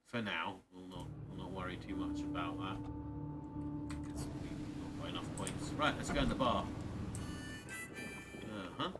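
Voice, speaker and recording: A man's voice: deep voice, normal speed, pauses often. A man giving casual, rambling commentary on a video game, with dry muttered asides to its characters. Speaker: gamer commentating on his playthrough. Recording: loud game music behind voice. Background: game music.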